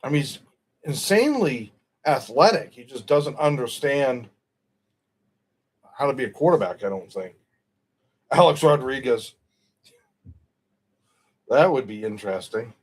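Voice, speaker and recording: Animated but a little slow, with long pauses, a middle-aged man streams casual football talk in a medium-pitched voice with a breathy edge. He rambles, gives strong opinions, and often corrects himself.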